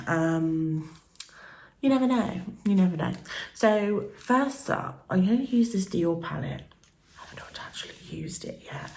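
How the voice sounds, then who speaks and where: A British beauty vlogger in her thirties chats casually through a get-ready-with-me session, doing her makeup at home. Her mid-range voice is croaky from the early morning, and she rambles with soft laughs and plenty of fillers.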